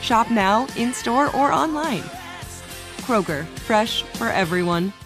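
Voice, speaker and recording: Female commercial announcer, cheerful and persuasive, higher pitch, music bed. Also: animated, slow. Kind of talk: scripted ad read.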